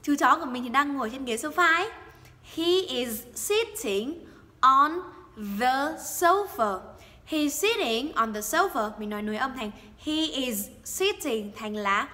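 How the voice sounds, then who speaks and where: A woman teaching an English lesson, repeating each phrase slowly for learners, then explaining it quickly. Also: sits high, expressive, bright, forceful tone, in a large hall. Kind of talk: bilingual language lesson, slow drills.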